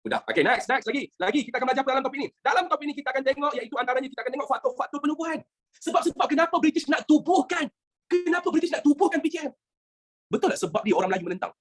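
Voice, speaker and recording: A history teacher with a Malaysian accent gives an animated lesson, firing rhetorical questions at students and mixing in English phrases. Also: high voice, racing.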